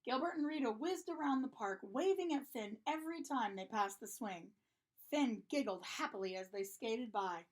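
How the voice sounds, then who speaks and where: A woman reads a children's picture book aloud, her high voice rising and falling very lively. Her reading is bright and expressive, made for young listeners. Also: normal speed. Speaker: storybook reader. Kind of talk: children's story read-aloud.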